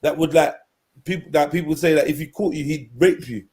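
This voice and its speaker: A man's voice: on the high side, fairly quick, a little mellow, breathy edge. A man with an urban London roadman accent, telling anecdotes casually in street slang with frequent tag questions. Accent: London, urban multicultural street. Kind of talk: casual anecdotal chat on a live show.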